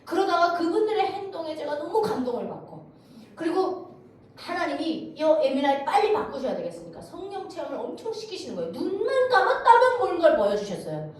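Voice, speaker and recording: A woman from North Korea giving a church testimony, telling her story in a lively way and acting out the voices she quotes. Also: very high voice, brisk. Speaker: guest speaker giving testimony. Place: church sanctuary. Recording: echoey church hall, distant mic, faint noise.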